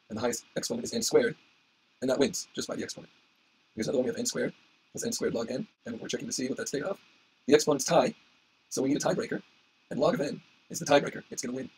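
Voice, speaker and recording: A man giving an informal tutorial as an instructor, with a husky, strained voice that is giving out. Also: mid-range voice, a little mellow, poor audio. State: losing his voice, hoarse. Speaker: instructor explaining algorithm analysis.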